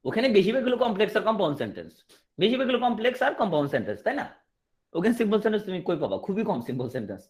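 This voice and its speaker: Male tutor, online class; animated delivery that rises and falls, reads example sentences slowly. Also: high voice, slightly rough. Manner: explains in a question-and-answer rhythm, repeating and checking understanding; reads English sentences slowly and deliberately, then translates. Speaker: English teacher.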